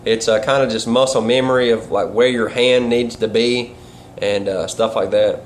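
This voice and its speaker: A man's voice: medium pitch, steady tone, moderate pace. A man talking casually and instructionally in a folksy, rambling way with colloquial grammar. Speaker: duck calling instructor and caller. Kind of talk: casual instructional vlog talk. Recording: clear background noise.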